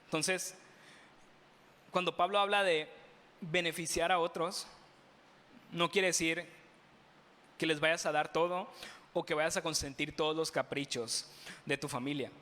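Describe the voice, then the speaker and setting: A man's voice: a little high, fairly even intonation, a little slow, long pauses. A man with a Mexican Spanish accent preaching a sermon in a church, asking the congregation rhetorical questions with playful humor. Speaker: pastor. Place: church sanctuary. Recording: bright voice with long hall reverb.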